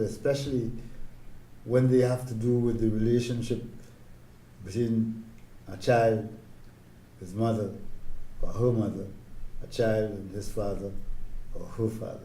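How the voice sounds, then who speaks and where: Calm older Tobagonian man, very mellow voice. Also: medium pitch. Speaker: interviewee, village elder sharing memories. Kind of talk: reflective interview reminiscence. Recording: roomy, echoing interview recording.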